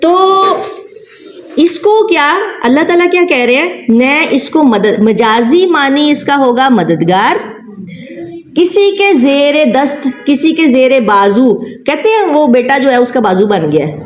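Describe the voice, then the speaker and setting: A woman teaching a tafseer lesson, often asking her students questions and repeating key words slowly. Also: high-pitched, sing-song. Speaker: Quran teacher.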